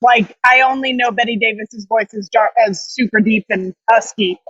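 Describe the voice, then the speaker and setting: A woman co-hosting a podcast, reacting with short quick interjections. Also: on the high side, a bit bright, breathy edge, no room sound, muffled recording. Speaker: podcast co-host. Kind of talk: casual podcast chat.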